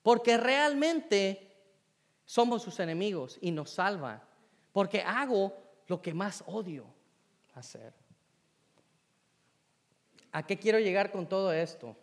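A man preaching a sermon, telling a self-deprecating personal story in an animated way. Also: sits high, slow, pauses often. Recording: long reverb in a hall.

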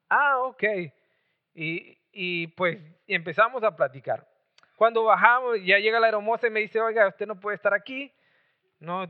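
A man's voice: high-pitched, clean tone. A man born in Mexico, preaching and telling a story with lots of chatty restarts. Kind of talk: storytelling sermon. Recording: tinny phone-like sound.

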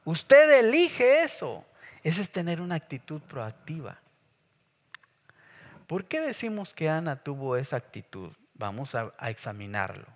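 A man preaching a sermon in a lively, joking way, with playful acted asides. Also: on the high side, unhurried. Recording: long echo of a church hall.

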